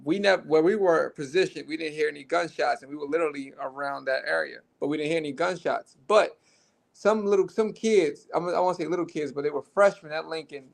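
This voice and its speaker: A young man with a Baltimore accent talks casually, circling back and restarting his thoughts as he tells a story. His voice sits a little high and carries a gravelly rasp. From Baltimore, Maryland. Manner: relaxed, rambling with restarts. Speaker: guest.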